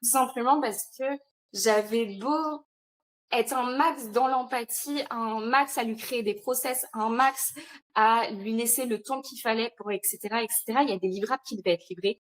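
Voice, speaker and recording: A woman in a casual podcast conversation, talking about her work in a lively, chatty way with frequent fillers and laughs. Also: on the high side, normal speed. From France. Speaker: founder of an entrepreneur retreat, podcast guest.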